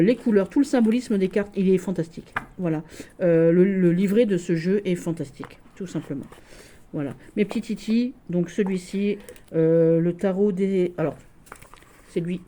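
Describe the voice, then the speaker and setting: Lady vlogger going through her tarot decks, lowish warm voice, chatty and affectionate, keeps saying voilà. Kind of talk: casual chat showing tarot decks.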